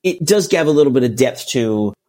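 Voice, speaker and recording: A man talks casually on a podcast at an ordinary middle pitch. He rambles in long chains of thought, restarting sentences and leaning on filler words. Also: expressive, a little fast, mellow. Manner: rambling, full of restarts and "you know". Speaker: podcast co-host. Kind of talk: casual chat.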